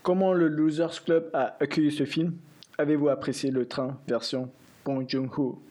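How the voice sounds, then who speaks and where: A man hosting a podcast, leading the talk in a steady, measured way. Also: on the high side. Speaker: podcast host. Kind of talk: podcast hosting, partly read script.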